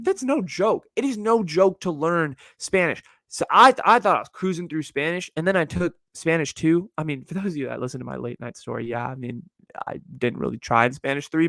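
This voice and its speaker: A young man talking off the cuff on his own podcast, his pitch leaping up and down as he gets worked up about a point. His voice sits a little high for a man and comes across close and dry, with loose fillers and self-corrections throughout. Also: no echo. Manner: rambling, conversational, frequent fillers and self-corrections; animated, swearing. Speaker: podcast host. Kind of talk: casual solo monologue.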